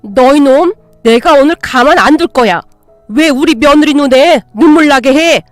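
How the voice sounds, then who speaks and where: A woman's voice: high voice, moderate pace, no room sound, faint music behind, close to an everyday voice. A woman voicing a raging old father-in-law. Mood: furious. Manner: shouting, blustering scolding. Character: furious older father-in-law scolding his son.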